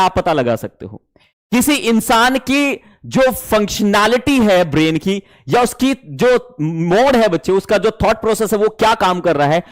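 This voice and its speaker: A man teaching an online class, lively and animated, mixing Hindi and English. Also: high-pitched.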